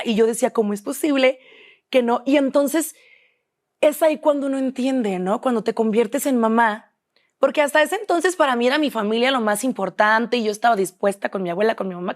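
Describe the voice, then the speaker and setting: A young woman with a Mexican accent, a guest in an interview, talking candidly and quoting herself and others often. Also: on the high side. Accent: Mexican Spanish.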